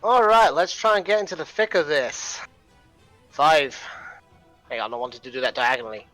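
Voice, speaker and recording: A man's voice: fairly high pitch, moderate pace, pushed and bright, soft background music, low-quality recording. A man talking casually as a player in an online tabletop game, chatty and laughing between moves.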